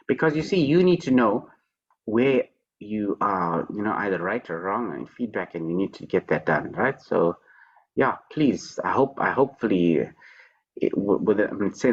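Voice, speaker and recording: A man leads an online programming class over a video call, his lower voice husky and a little dull through the call audio. He repeats words in quick bursts and jokes by praising himself. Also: animated. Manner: playful, repeats words, teasing self-praise. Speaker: programming lecturer. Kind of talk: online tutoring session.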